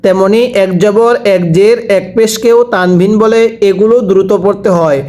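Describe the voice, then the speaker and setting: A man teaching a reading lesson, slowly spelling out each letter and vowel, repeating them and urging viewers to read aloud along with him. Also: high voice, fairly even intonation, dark tone.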